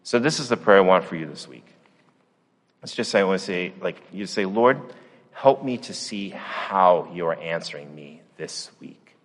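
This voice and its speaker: A man's voice: low-pitched, lively intonation, moderate pace, a bit bright. A man, the pastor, giving a conversational sermon with rhetorical asides. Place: church. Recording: long church reverb.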